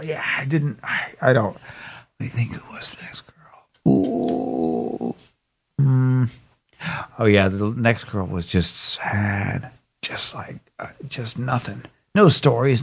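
A man tells a long, rambling, profane story during a casual chat, with a breathy edge to his voice. He frequently imitates other people in high, squeaky voices.

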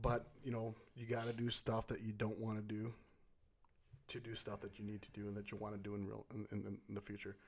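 A man's voice: lowish voice, monotone, fairly quick, gravelly. A man of about forty chatting casually on a podcast. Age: 40s.

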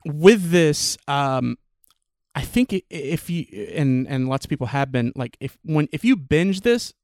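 A man co-hosting a casual chat podcast, rambling with lots of fillers and restarts, excitable. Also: a little high, unhurried, dry recording, clean studio sound. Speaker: podcast co-host.

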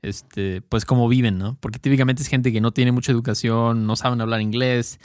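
A man's voice: mid-range voice, steady tone, brisk, a little mellow, dry recording, studio quality. A man with a Mexican accent co-hosting a podcast, chatting loosely with lots of fillers and tag questions. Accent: Mexican Spanish. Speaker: podcast co-host. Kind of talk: casual chat.

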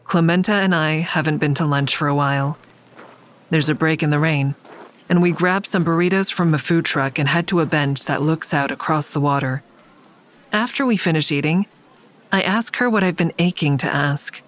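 An actress with a low, natural voice speaks at a moderate pace as she plays a guarded, callous woman. In this first-person audio drama, she narrates her own thriller and delivers dialogue in a restrained, probing way, and the mood is guarded and tense.

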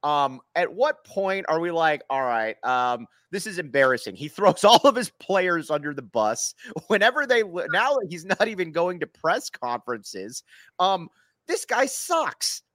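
A man's voice: sits high, very animated, unhurried, a bit bright, dry recording, studio quality. A man co-hosting a sports podcast in casual chat, laughing often and trailing off with fillers while he hunts for names. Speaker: podcast co-host.

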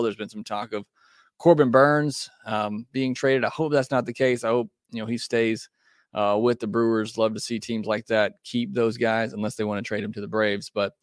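A man's voice: medium pitch, no echo. Guy talking baseball on his podcast, casual, lots of ums, dry sound. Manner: conversational, opinionated, many fillers. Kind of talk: casual sports talk.

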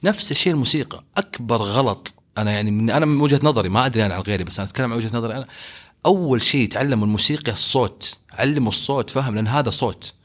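A man's voice: medium pitch, very fast. A man with a Saudi Hejazi accent in a casual, opinionated discussion, emphatically repeating points and checking that he is understood. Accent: Saudi Hejazi Arabic.

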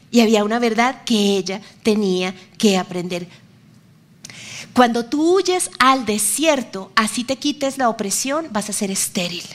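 A middle-aged woman preaching a sermon, expressive, acting out quotes and dropping to whispers. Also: high voice.

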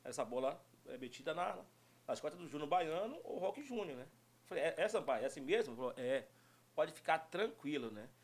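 Man, middle-aged, fairly high voice, very lively intonation, animated storytelling, casual chat. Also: brisk. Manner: animated storytelling with frequent laughter. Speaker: guest storyteller.

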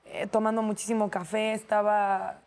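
A woman's voice: medium pitch, flat delivery, moderate pace, a little mellow. A woman with a Mexican accent, co-hosting and chatting casually about her own habits. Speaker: co-host. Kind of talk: casual chat.

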